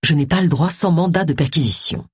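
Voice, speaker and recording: A woman's voice: low voice, fairly quick, darkish tone, slightly rough, no echo, studio quality. A woman voicing a stern male police officer who speaks curtly and with authority. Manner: curt, authoritative.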